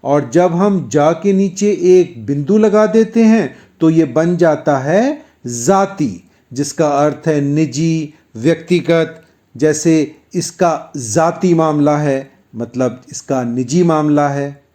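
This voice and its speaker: Slow, deliberate man teaching pronunciation. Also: a little high, warm tone. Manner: slow, deliberate, drawing out sounds for practice. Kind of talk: scripted lesson narration.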